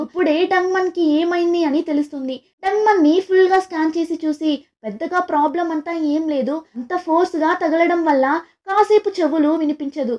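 A woman narrates a drama's plot in a casual, chatty way, dropping in English words. Her voice sits very high. The recording sounds dull and lo-fi. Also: a little mellow.

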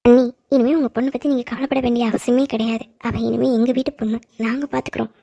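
A woman's voice: fairly high pitch, little pitch movement, quick pace, gravelly, muffled recording. A woman voicing a kind, middle-aged mother of the groom in a cartoon drama, comforting the other family. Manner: comforting, warm-hearted.

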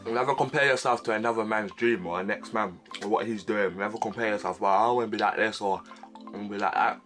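A young man with a lowish voice talks casually to his camera, chatty and playful, words a little mushy from chewing gum. Music plays clearly underneath his voice. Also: fast, fairly bright tone. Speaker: vlogger.

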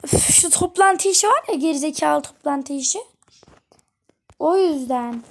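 A woman's voice: high-pitched, fairly even intonation, unhurried, warm tone. A woman voicing a tired, irritable father in a toy role-play game, grumbling about his day. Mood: irritated.

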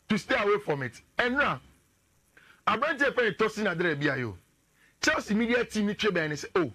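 A man in his thirties with a Ghanaian English accent giving animated football analysis in a radio studio, standing and gesturing at a screen. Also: high voice, husky.

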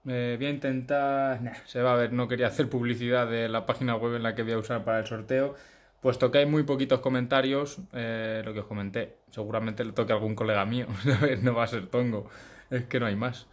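A man's voice: mid-range voice, steady tone, brisk. A man in his thirties with a Peninsular Spanish accent, chatting casually to camera as a vlogger at home. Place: room at home, indoors. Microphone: phone close to face.

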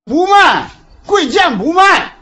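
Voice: very high-pitched, very animated, slow pace, bright, forceful tone, full character voice. A performer voicing a stubborn cartoon shopkeeper, emphatic and drawn out. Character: stubborn shopkeeper refusing to sell. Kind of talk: comic animated skit.

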